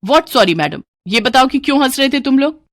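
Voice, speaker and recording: A woman voicing a strict, impatient female schoolteacher who talks in a sharp, scolding way in a storybook. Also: sits high, animated, moderate pace, dry recording, studio quality, pitched above the performer's own voice. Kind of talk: storybook voice acting.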